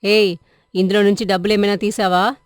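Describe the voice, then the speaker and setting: A woman voicing a suspicious middle-aged housewife who scolds loudly. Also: mid-range voice, little pitch movement, fairly quick, clean tone, no echo, studio quality, lightly acted. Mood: angry. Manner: scolding, shouting.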